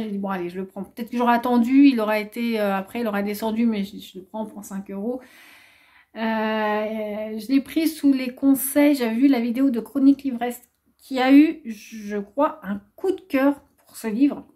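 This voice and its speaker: Young woman booktuber, chatty and rambly, mellow and a bit high. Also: moderate pace. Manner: chatty, rambling, many filler "euh"s. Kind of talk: casual book haul vlog.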